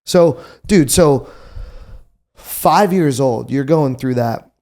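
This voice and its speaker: A man of middle pitch hosts the podcast in a relaxed, easygoing way. His talk is slangy and casual, and he swears now and then. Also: slow. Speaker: podcast host. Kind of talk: casual chat.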